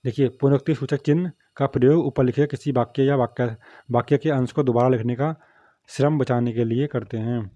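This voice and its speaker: Man, teacher, flat monotone, mellow dark voice, dry close sound, repetitive explaining. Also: medium pitch, brisk, no room sound, dull audio. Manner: repetitive, asks "samjhe?" often. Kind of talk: explaining Hindi grammar lesson.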